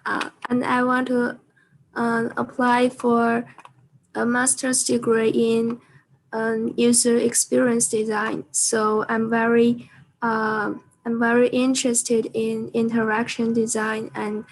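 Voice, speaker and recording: A woman from China introduces herself on a video call, slow and hesitant, her voice gravelly with fry. Her pitch sits a little high but barely moves, and a faint hiss sits under it. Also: completely flat delivery, low-quality recording. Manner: hesitant, many fillers. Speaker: architecture student.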